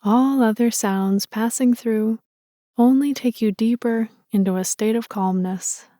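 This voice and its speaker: A woman leads a meditation in a fairly high-pitched voice that is soft and mellow, taking her time at a slow pace. Her manner is gentle and soothing, like a motherly guide, and the recording is close and dry with no room around it.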